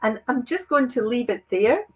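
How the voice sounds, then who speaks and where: A woman's voice: a little high, lively intonation, normal speed, poor audio. Earnest woman chairing a conference session. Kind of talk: conference presentation. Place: online conference.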